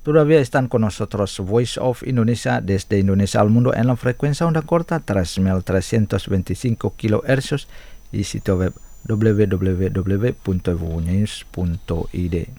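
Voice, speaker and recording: A man's voice: fairly low pitch, moderate pace, mellow, no room sound. A man announcing on the radio in a formal manner, reading out the station's frequency and web address.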